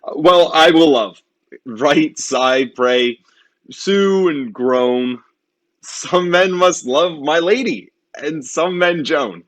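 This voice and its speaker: A man playing a witty, lovesick gentleman in a stage Shakespeare comedy, declaiming in a hammy theatrical way. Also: on the high side, slow pace. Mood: lovesick, resigned. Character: witty, lovesick gentleman railing at his own love.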